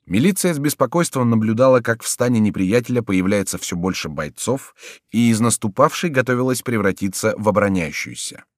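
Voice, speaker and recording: A man reading an adventure novel aloud as an audiobook narrator, raising his voice to act out the characters' shouted lines. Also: lowish voice, lively intonation, brisk, no room sound, studio quality. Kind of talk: audiobook reading with acted dialogue.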